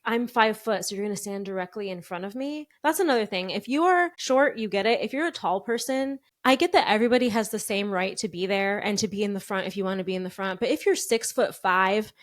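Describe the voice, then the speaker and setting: American woman just chatting on a podcast, normal pitch, animated storyteller. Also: a little fast, hardly any pauses. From Wisconsin, US. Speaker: podcast co-host. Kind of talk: casual chat.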